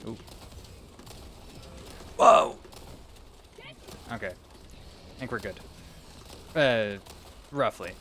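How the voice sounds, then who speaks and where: A young man who makes gaming videos speaks slowly, pausing often, in a lowish voice with a fairly bright tone as he plays a game. His casual commentary rambles and meanders, he interrupts himself, and he often loses his thread. Slight background noise is present.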